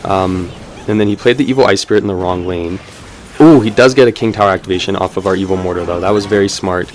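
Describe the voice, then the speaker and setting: A young man talks through his card game match as he plays, upbeat and chatty, peppering his calls with ums. His voice sits fairly low. A faint hum of street traffic lingers behind him. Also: fast talker. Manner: upbeat, chatty, many "um"s and "let's go ahead". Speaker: gaming YouTuber. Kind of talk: live gameplay commentary.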